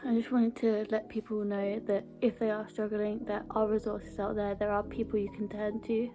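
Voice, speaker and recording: A young British woman speaks at normal speed in a medium-pitched voice with little pitch movement, vlogging earnestly and casually to camera. A mild stammer makes her sometimes repeat small words, and background music accompanies her.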